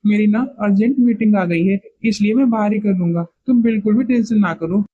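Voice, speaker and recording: A woman voicing a busy young husband who rushes off to the office, in a cartoon. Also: medium pitch, phone-quality sound, slight background noise, voice pushed down, lightly acted. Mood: hurried. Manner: hurried, reassuring. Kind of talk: cartoon voice acting.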